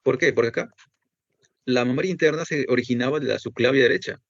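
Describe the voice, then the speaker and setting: Speaking quickly in a creaky, mid-range voice, a man delivers an anatomy lecture step by step, raising the questions his students might ask and answering them himself. The lecture recording is lo-fi, dull, and dry.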